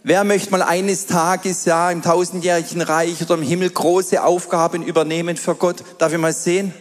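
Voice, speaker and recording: A middle-aged man preaching a sermon, telling stories and calling the congregation "dear ones" in a lively way. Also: sits high, normal speed, faint music behind. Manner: lively storytelling with quoted asides, addresses congregation as "ihr Lieben". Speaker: pastor. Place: church hall before a congregation. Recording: long hall reverb.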